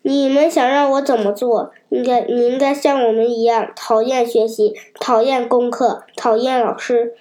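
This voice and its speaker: A woman's voice: fairly high pitch, fairly even intonation, normal speed, hardly any pauses, warm tone, close to an everyday voice. A woman voicing a gang of mischievous schoolboys in a children's storybook reading, coaxing and taunting. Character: mischievous schoolboys teasing a classmate.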